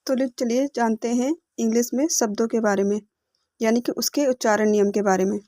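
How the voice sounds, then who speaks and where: A woman teaching English phonics, explaining patiently, repeating words slowly and asking rhetorical questions. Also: fairly high pitch, fairly even intonation, warm tone, no room sound, studio quality. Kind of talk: explanatory lesson.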